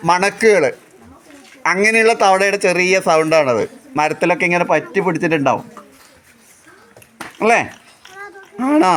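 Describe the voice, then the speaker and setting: Children chatter in the background as a teacher on a school outing, outdoors at a house, quizzes the group and repeats questions to prompt answers. The voice sits at a medium pitch with a fairly bright tone.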